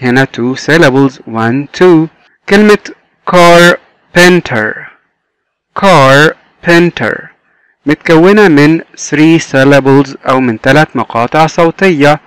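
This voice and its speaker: A man with an Egyptian Arabic accent teaching an English lesson to young children, drawing out each English word slowly and clearly. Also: on the high side, no room sound. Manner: slow, drawn-out English words.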